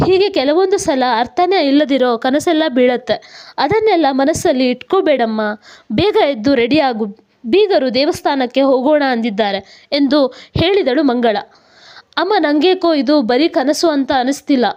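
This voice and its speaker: A woman's voice: high voice, animated, normal speed, a little mellow. A woman narrating a romantic story and reading every character's lines herself, with only small changes of voice between them. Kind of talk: storybook narration with acted dialogue. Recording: dull lo-fi sound.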